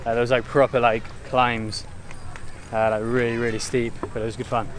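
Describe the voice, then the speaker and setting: A man's voice: medium pitch, level tone, fairly quick, background noise. A young man in his twenties, talking in a laid-back, hesitant way full of fillers while outdoors on a trail. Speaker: travel companion. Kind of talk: casual chat.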